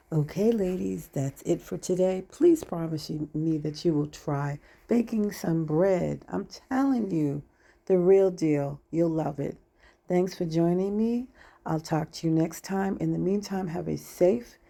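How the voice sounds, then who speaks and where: Woman, home baking vlogger: low, warm gravelly voice, chatty and homey with viewers from her kitchen. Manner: chatty, talks to viewers while cooking, hums while tasting; talks with mouth full at times. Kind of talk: casual chat while baking.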